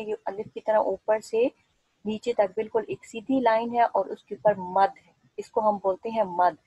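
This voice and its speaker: A woman teacher giving an Urdu alphabet lesson to young children, slowly repeating each letter sound and example word. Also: mid-range voice, dry recording, muffled recording. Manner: slow, clear, repetitive drilling of sounds.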